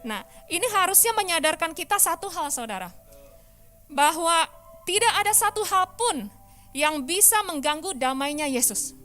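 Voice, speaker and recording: High-voiced woman pastor preaching. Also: moderate pace, soft background music. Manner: lively, emphatic preaching with questions to the congregation. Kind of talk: sermon. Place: church.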